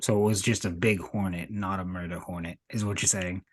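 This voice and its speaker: A man's voice: low-pitched, steady tone, a little fast, a crowd in the background. A man co-hosting a podcast in casual chat, laid-back and joking, swearing and laughing often. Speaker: podcast co-host.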